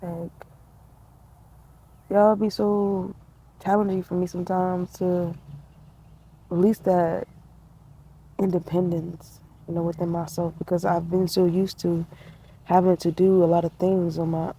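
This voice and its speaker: A woman's voice: fairly low pitch, level tone, measured pace, long pauses, dark tone, slightly rough, rough recording. A woman in her twenties sitting outdoors in a tree, talking in a casual, reflective way, slangy and spiritual, with laughter. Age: 20s. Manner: laid-back, spiritual, slangy, laughs often. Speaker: vlogger.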